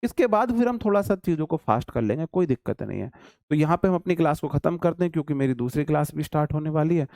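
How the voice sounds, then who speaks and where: A man's voice: on the high side, expressive, fast, creaky, a little mellow, dry recording, clean studio sound. A man with a Hindi accent teaching an online English class, chatty and teasing his students. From India.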